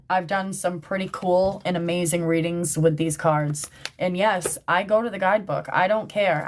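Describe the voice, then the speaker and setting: A chatty woman with a fairly low voice, hosting a casual livestream from her phone. She talks in an emphatic, conversational way and keeps checking in with her viewers. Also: slight background noise. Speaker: tarot reader and livestream host. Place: at work in a shop.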